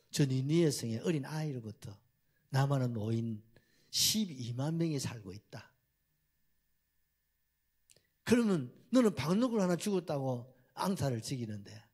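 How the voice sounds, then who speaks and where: A man voicing God as a stern, patient figure who rebukes slowly, with a Gyeongsang accent. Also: mid-range voice, darkish tone, slightly rough. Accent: Gyeongsang Korean. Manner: slow, grave, reproving.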